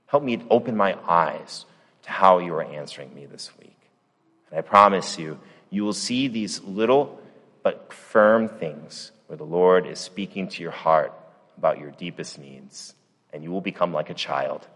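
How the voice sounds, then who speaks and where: A man's voice: deep voice, measured pace, fairly bright tone. A man, the pastor, giving a conversational sermon with rhetorical asides. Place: church. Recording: long church reverb.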